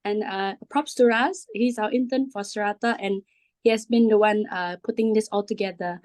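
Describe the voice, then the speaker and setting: A woman's voice: medium pitch, normal speed, darkish tone. A woman, the program officer, giving friendly, chatty welcoming remarks while losing her voice. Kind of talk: welcoming remarks on a video call.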